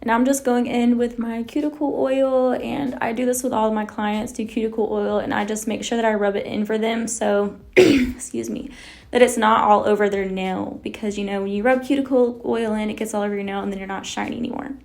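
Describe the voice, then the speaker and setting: A woman's voice: a little high, steady tone, fairly quick, vocal fry, darkish tone. A young woman, talking through a nail tutorial in a casual, chatty way, full of "like" and "um". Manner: chatty, lots of "like" and "um" fillers. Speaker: nail technician.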